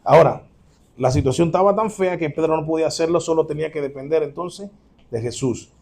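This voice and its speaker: Gravelly male pastor, mellow tone, animated sermon delivery. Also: a little high, fairly quick. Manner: animated preaching with acted-out quotes, addresses listeners as brothers.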